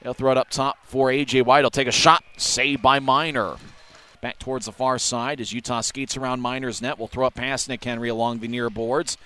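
A man giving rapid hockey play-by-play commentary as a game commentator, ready to burst into shouts on big chances. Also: medium pitch, flat delivery.

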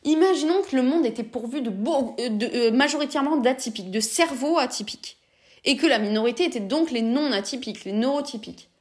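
A woman's voice: high-pitched, a little fast, darkish tone. A woman from France giving an earnest, impassioned monologue straight to her viewers. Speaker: vlogger speaking about neurodiversity. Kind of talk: reflective monologue to camera.

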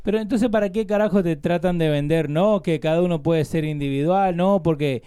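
Blunt Argentine man, slightly high voice. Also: a little fast, dark tone, smooth. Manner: blunt, swears, frequent agreeing backchannels. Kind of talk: casual political chat.

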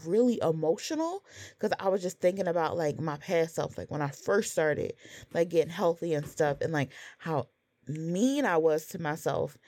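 A woman's voice: low-pitched, moderate pace, darkish tone, no room sound. A woman in her thirties on a podcast, talking in a casual, earnest, confessional way with many "like" fillers. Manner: heavy use of "like" fillers, earnest and open. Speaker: podcast co-host.

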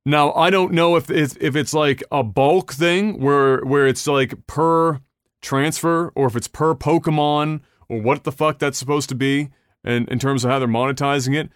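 Man, podcast host, casual chat, smooth clear voice, dry close sound. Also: on the high side, steady tone, normal speed, no room sound. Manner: rambling, swears casually, many restarts.

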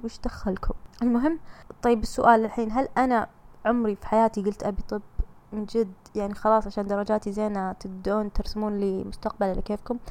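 A young woman with a Saudi Gulf accent hosts a casual solo podcast from a home mic. She talks very fast in a slightly high voice. Her manner is chatty, teasing and comforting. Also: a little mellow. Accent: Saudi Gulf Arabic. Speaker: podcast host reading listener messages.

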